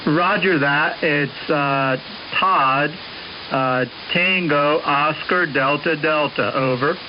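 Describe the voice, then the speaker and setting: An amateur radio operator chats casually over a shortwave link, closing his turns with "over." His voice is on the high side and he takes it slowly, coming through a muffled, hissy signal.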